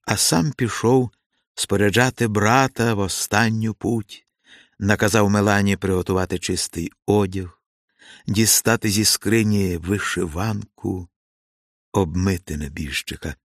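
A man narrating an audiobook in a measured, unhurried way. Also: fairly low pitch, steady tone, no echo. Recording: dry voice over faint music.

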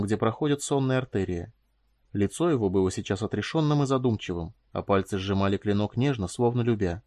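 A man narrating an audiobook in a calm, measured reading voice. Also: lowish voice, dry recording, clean studio sound. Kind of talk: scripted narration.

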